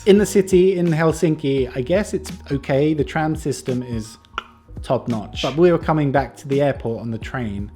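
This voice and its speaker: A young man chatting casually on his vlog, self-deprecating and jokey, dropping into quiet mutters for his asides. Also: fairly high pitch, moderate pace, faint music behind. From Britain. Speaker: YouTuber reacting to a book.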